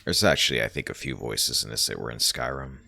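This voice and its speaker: A man's voice: rumbling low, fairly quick, vocal fry, sharp tone. A man hosting a let's play, commenting offhandedly and reading game text aloud. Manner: offhand, conversational.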